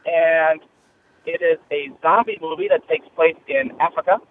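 Driving along, a caller phones in from his car to leave a chatty voicemail as an enthusiastic fan. His voice sits fairly high and moves at a moderate pace, gushing throughout, and the narrow phone line carries a little faint noise.

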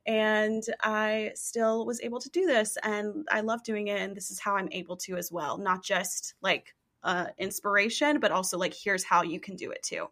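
A woman's voice: mid-range voice, steady tone, normal speed, hardly any pauses, a bit bright. A woman of about twenty from East Tennessee, a college YouTuber talking openly and earnestly as a guest, with frequent fillers. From East Tennessee, USA. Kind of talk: casual interview chat.

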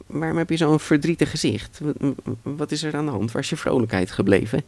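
A man's voice: fairly high pitch, expressive, a little fast, gravelly, a little mellow, no room sound, pitched above the performer's own voice. A man reading the lines of a small, plucky bee from a fairy tale. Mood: confident. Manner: plain storybook reading.

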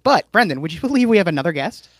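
A man's voice: high-pitched, very animated, very fast, no room sound, studio quality. A man hosting a podcast in casual chat, rambling and teasing as he talks. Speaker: podcast host.

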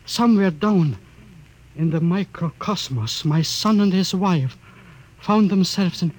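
Grave, slow-spoken old scientist. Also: male voice, high voice, animated, a little mellow. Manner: grave, deliberate, dramatic pauses. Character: grieving elderly scientist father, solemn and explanatory. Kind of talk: 1950s radio acting. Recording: hissy old radio broadcast disc.

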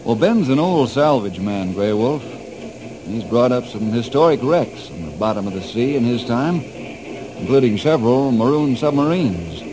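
An actor playing a friendly ranger leader who explains things steadily in an old-time radio adventure. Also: male voice, mid-range voice, big pitch swings, unhurried. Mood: explaining. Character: genial, steady male head ranger and ex-Navy man. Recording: noisy old radio drama recording.

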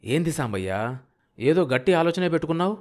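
A man's voice: a little high, lively intonation, fairly quick, darkish tone, voice pushed up, natural voice. A man voicing a wily, cautious middle-aged village broker who talks in an irritable, needling way. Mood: wary.

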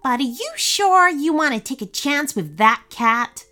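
A woman's voice: high-pitched, big pitch swings, measured pace, bright, forceful tone, soft background music, pitched above the performer's own voice, full character voice. A woman voicing a sensible young boy who is cautious and speaks in a worried, matter-of-fact way.

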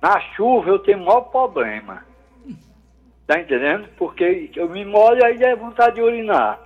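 A man calling in over the phone, his voice high and the line dull and muffled. He tells his story haltingly, wandering as he goes. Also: big pitch swings, faint music behind. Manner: hesitant, rambling storyteller. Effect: heard over the phone. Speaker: radio caller. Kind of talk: caller telling a story on a radio show.

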